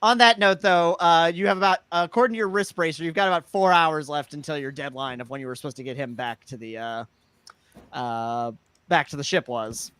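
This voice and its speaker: Bright, high-voiced man running a tabletop game. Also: clear, resonant tone, low-quality recording. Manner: halting, full of fillers and restarts. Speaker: game master. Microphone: podcast microphone.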